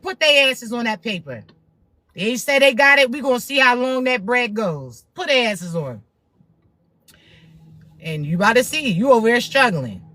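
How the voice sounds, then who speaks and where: Woman doing a live reading pep talk, cusses a lot, bright sharp voice, dry sound. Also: on the high side, dry recording. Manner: blunt, profane, preachy. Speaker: spiritual reader.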